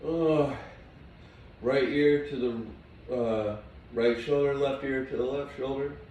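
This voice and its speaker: Unhurried man guiding yoga in echoey room. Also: medium pitch, muffled recording, a little hiss or hum. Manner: relaxed, chatty cues with asides. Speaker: yoga instructor. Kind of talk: guiding a yoga flow while doing it. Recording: echoey room, mic at a distance.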